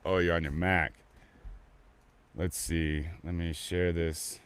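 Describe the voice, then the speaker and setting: A man with a very low voice chats casually as a podcast host. He rambles, doubles back and restarts his sentences. The sound is dry and close, with no room around it. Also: flat delivery, slow, smooth, no echo. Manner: rambling, stop-start, many restarts and fillers. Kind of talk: casual live-stream chat.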